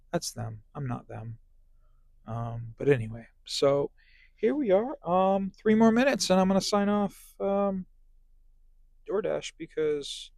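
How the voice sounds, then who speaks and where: A man's voice: mid-range voice, gravelly, no echo. A man casually vlogging from his parked car as a delivery driver, rambling with lots of fillers, on a small clip-on mic. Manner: rambling, filler-heavy talk. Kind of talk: casual vlog chat. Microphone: small clip-on phone microphone.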